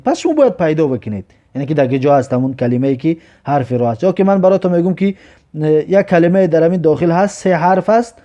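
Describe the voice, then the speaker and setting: A patient teacher with a Tajik accent walks learners through a reading lesson, drawing out each word slowly and repeating it. His voice sits a little high for a man but sounds dark and mellow. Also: lo-fi sound. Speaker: Arabic alphabet teacher. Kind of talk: slow, repetitive reading lesson.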